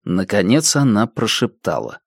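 A man narrating an audiobook in a measured, even storytelling manner. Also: fairly low pitch, creaky, husky, dry recording, studio quality. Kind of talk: scripted narration.

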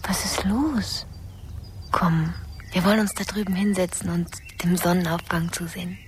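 An actress playing a devoted young woman who speaks softly and soothingly, often in a whisper, in a radio drama. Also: on the low side, steady tone, moderate pace, a little hiss or hum, close to an everyday voice. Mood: tender hushed. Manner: soft, hushed, soothing.

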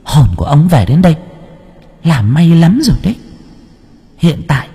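A man's voice: a little high, lively intonation, normal speed, warm tone, breathy edge, in a large hall, voice pushed up, full character voice. A man voicing a stern possessed spirit medium who scolds and lectures the people who come to ask questions, in an audiobook. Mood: stern scolding. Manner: scolding, commanding. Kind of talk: audiobook character voice.

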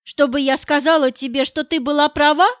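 A woman's voice: high-pitched, a little slow, no echo. A woman voicing a distraught young woman who cries and snaps back in bursts, in a dull, dry recording. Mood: tearful, angry. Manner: sobbing, shouting in bursts.

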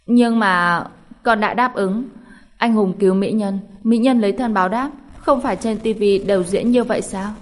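A woman's voice: medium pitch, moderate pace, lightly acted. A woman voicing a spoiled, playful young girl who is clingy and sly, with a whiny pleading tone. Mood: coaxing.

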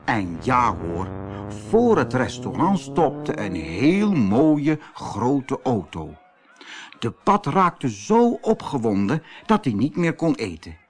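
A man reading a children's storybook aloud in a slow, expressive way. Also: mid-range voice, slightly rough. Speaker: audiobook narrator.

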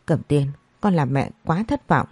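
A woman's voice: deep voice, lively intonation, a little slow, a little mellow, slightly rough, no echo, full character voice. A woman voicing a furious, heartbroken mother. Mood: scolding.

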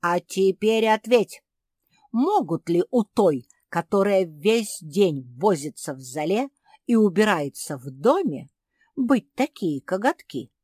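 A woman voicing an eager, excitable young female pug who asks questions quickly. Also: medium pitch, slightly rough, no echo, clean studio sound.

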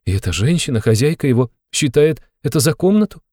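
A man reading an audiobook, voicing a flustered, tearful aging mother in a high, breathless voice. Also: very animated, warm tone, dry recording, studio quality. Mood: anxious. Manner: breathless, rushed, exclamatory.

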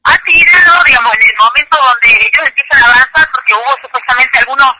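A woman's voice: high-pitched, quick pace. A woman, calling in as an activist and giving testimony hesitantly, with many fillers. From Chilecito, Argentina. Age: 30s. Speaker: activist caller. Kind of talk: phone interview testimony. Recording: muffled noisy phone line.

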